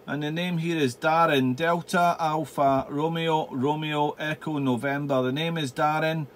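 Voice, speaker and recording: A man's voice: on the high side, steady tone, unhurried, a little hiss or hum. A man making casual amateur radio contact from a home radio room, repeating phrases and using radio call-sign jargon. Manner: repeats himself, spells out in phonetic alphabet. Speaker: amateur radio operator, channel host.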